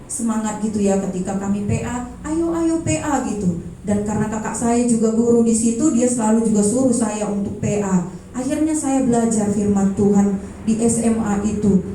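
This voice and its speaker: A woman's voice: a little high, dark tone. A woman in her thirties from North Sumatra giving an earnest personal testimony at a church service. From North Sumatra, Indonesia. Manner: earnest, heartfelt storytelling with quoted prayers. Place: church hall. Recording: very echoey hall, from far off.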